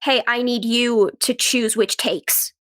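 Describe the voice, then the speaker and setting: A young actress and writer, guesting on a podcast, answers interview questions slowly in a fairly high, bright voice with a steady tone. She's casual and conversational, telling stories, saying "like" a lot, and quoting her own thoughts.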